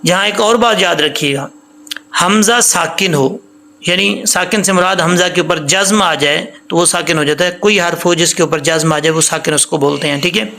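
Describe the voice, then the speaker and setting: A man teaching how to recite the Quran, patiently explaining rules and slowly chanting the verses. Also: sits high, vocal fry, pushed and bright. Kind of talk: Quran reading lesson with recitation.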